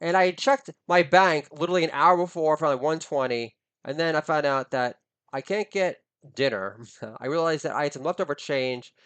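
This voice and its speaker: A middle-aged man, a comedian, delivering a foul-mouthed, indignant rant that swings between muttered asides and shouted outbursts. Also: fairly high pitch, normal speed, clear, resonant tone. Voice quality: swears heavily, rising into indignant shouting. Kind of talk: ranting stand-up monologue.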